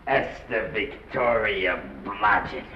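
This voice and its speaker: A man's voice: fairly high pitch, huge pitch swings, a little slow, heavy background noise, heavily acted. An actor playing a brash, sarcastic male studio press agent who spins theatrical stories, in a 1930s film. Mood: sardonic. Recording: dull 1930s film soundtrack.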